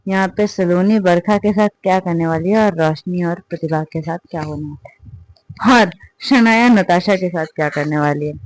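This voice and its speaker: A woman narrating a romance story in a relaxed, conversational way, repeating words and switching into the voices of her characters. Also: on the low side, no room sound, low-quality recording.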